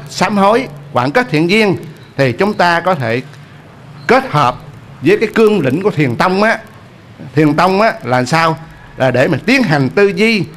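A man preaches a Buddhist sermon in a fairly high voice, keeping it lively and checking often that his listeners follow. A faint hiss of noise sits behind him. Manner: lively, asks the audience questions often. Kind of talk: dharma sermon.

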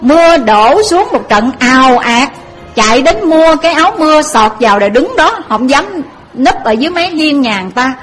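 High-voiced woman preaching a moral story. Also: lively intonation, normal speed, fairly bright tone, faint music behind, rough recording. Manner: emphatic, directly addresses listeners.

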